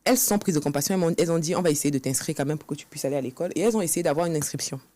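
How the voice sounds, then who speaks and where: A woman with a low, warm voice talks very fast as a guest author in a podcast studio interview. Earnestly telling her own story, she acts out conversations from the past.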